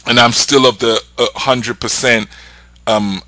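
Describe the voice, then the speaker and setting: Speaking a little slowly in a mid-range voice, a London-accented host from England keeps his podcast chat casual, telling stories with lively energy and swapping accents playfully. The recording has no room sound.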